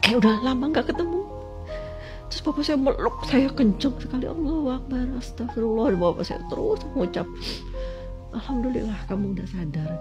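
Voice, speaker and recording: A woman from West Java, a guest telling her own experience in an emotional storytelling way. She swings between loud cries and hushed, lowered passages. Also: animated, brisk, music in the background.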